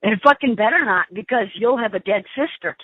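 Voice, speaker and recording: A woman's voice: a little high, lively intonation, a little fast, husky, dry recording. A woman taking a call on a prison phone line, talking bluntly and angrily and swearing often. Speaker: inmate's sister on a call.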